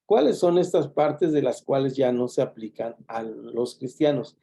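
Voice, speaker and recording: Mellow-voiced man teaching a Bible class. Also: mid-range voice, unhurried, vocal fry. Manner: explanatory, repeats key points and restarts words. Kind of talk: classroom lecture.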